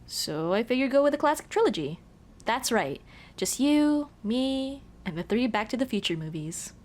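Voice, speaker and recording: Playful and sing-song, a woman with a fairly high, slightly mellow voice voices a teasing but caring tomboy childhood friend for a scripted ASMR roleplay. She speaks at a moderate pace in a casual, one-sided chat, addressing the listener as "dude."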